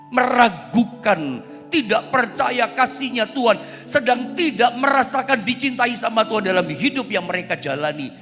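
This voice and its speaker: A man preaching a sermon to a congregation, swinging between loud emphatic phrases and low quiet ones, and acting out a plea with rising urgency. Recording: long hall reverb with faint music.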